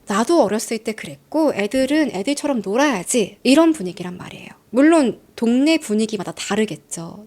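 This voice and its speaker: A woman tells a true-crime story in a chatty, lively way, speaking straight to her listeners. Her voice sits high and swings up and down with animated emphasis. She keeps an easy, conversational storytelling flow.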